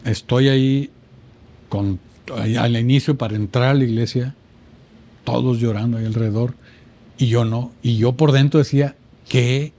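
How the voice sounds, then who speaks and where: A man's voice: mid-range voice, steady tone, normal speed, dark tone. A man in a casual chat, co-hosting and telling a personal story animatedly, repeating words as he goes.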